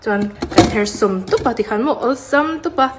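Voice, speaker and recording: A woman's voice: fairly high pitch, fast talker, heavy background noise. A young adult woman vlogger, talking casually and chattily as she explains things to her viewers. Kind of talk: casual vlog chat.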